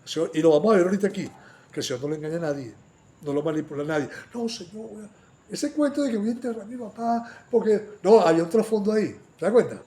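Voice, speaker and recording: A man teaching a Bible study sermon, animated and often asking his listeners to agree, acting out quoted lines in a raised voice. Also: sits high, fast.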